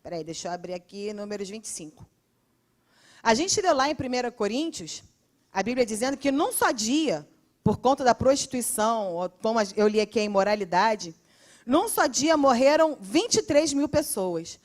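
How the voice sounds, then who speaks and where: A woman with a Brazilian Portuguese accent teaches a Bible class. Her voice sits high, and she talks in a lively, expressive way. She often acts out quoted speech and laughs along the way. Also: normal speed. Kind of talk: animated Bible class lesson.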